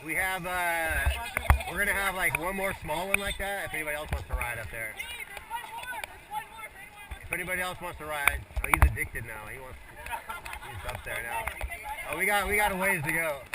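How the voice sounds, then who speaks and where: A laid-back male rafting guide with a slightly high voice talks casually to his crew. He sounds a little way from the mic, outdoors with very loud rushing water all around. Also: animated, recorded from a distance, very noisy. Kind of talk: casual instructions and chat with crew. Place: outdoors on a raft on a river.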